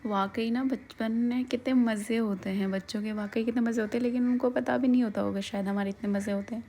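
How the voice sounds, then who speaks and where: A woman casually narrating a vlog, often slipping into a soft whisper and laughing. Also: a little high, fairly even intonation, fairly quick, a little hiss or hum. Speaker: vlogger.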